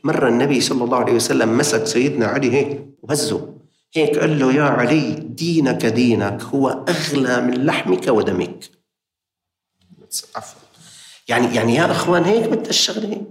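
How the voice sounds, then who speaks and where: A man's voice: medium pitch, lively intonation, brisk, echoey room. A man with a Levantine Arabic accent preaching a sermon, appealing directly and passionately to his listeners.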